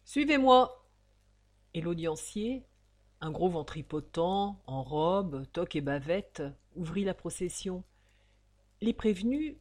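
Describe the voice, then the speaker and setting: A woman reading a novel aloud, giving each character's line a loud, raised voice. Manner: acts out the characters' lines loudly and with raised pitch. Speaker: reader of a novel. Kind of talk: expressive audiobook reading.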